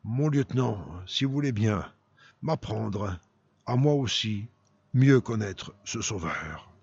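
A man voicing a cheerful, brash Parisian army corporal who exclaims loudly. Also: fairly high pitch, huge pitch swings, very slow, gravelly, husky, no echo, highs cut off, voice pushed up, full character voice. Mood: hesitant. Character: jolly joking male Parisian army corporal.

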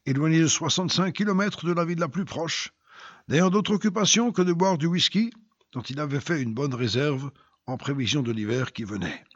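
Expressive man reading a story aloud. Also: on the high side, breathy edge, no echo. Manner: expressive, swings between loud and hushed. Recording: dull lo-fi recording.

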